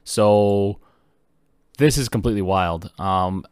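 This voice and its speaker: A young man hosting a podcast, talking fast and excitedly with lots of fillers while he reacts to breaking esports news. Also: lowish voice, clear, resonant tone, no echo, studio quality. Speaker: podcast host. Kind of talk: casual esports news commentary.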